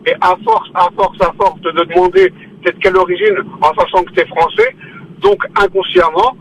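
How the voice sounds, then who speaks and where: A man's voice: sits high, very animated, normal speed, vocal fry, a bit bright, muffled recording, a little hiss or hum. A man from France, calling in to a radio show and earnestly explaining his view step by step. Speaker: caller. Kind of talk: radio call-in.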